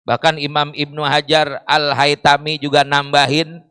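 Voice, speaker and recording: A man's voice: on the high side, completely flat delivery, moderate pace, pushed and bright, clean tone, no room sound. A man preaching a sermon in a mosque, explaining with rhetorical questions and Arabic phrases.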